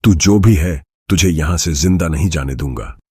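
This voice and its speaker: A man voicing a corrupt male police inspector who barks threats in a very deep, husky voice. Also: moderate pace, darkish tone, dry recording, studio quality, exaggerated voice. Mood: threatening. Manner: barking, threatening.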